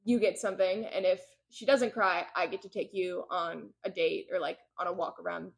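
A woman co-hosting a casual book podcast, retelling scenes with lots of "like" and quick quoted lines. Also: on the low side, fairly even intonation, vocal fry. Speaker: podcast co-host recapping a book. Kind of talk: casual chat.

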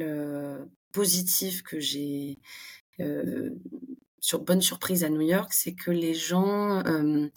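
Husky-voiced Frenchwoman chatting. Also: low voice. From France. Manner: chatty, many fillers. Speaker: guest. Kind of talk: casual interview conversation.

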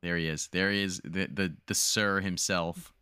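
A man co-hosting a casual gaming podcast, trading deadpan one-liners. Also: low-pitched, moderate pace, clear, resonant tone, no room sound, clean studio sound. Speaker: podcast co-host. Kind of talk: casual chat.

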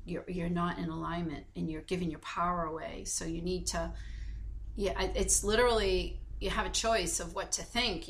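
A woman co-hosting a podcast, talking earnestly in casual conversation and retelling a story with many restarts. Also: on the low side. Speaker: podcast co-host.

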